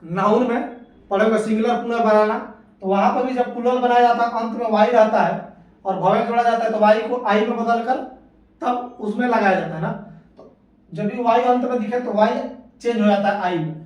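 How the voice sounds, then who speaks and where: High-voiced man teaching grammar in an echoey room. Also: steady tone, a little fast, darkish tone, highs cut off. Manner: patient, repeats points and asks the class questions. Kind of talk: classroom lesson. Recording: echoey room, voice far from the mic.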